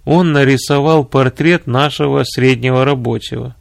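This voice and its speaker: A man's voice: medium pitch, steady tone, moderate pace, vocal fry, no room sound, lightly acted. A man doing a blunt army general. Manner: blunt, self-assured. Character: proud middle-aged army general, blunt.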